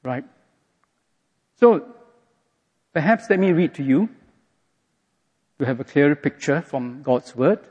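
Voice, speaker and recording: A man preaching a sermon, reading scripture aloud and telling the story in an animated way, recorded in a dull, echoey hall. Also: on the high side, slow, long pauses, slightly rough. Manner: animated storytelling, acts out quotes.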